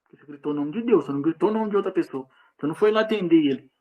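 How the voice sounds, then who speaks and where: High-voiced Brazilian man preaching informally. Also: racing, highs cut off. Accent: Brazilian Portuguese. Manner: earnest, rambling, repeats himself, acts out shouted prayers. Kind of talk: informal live devotional preaching.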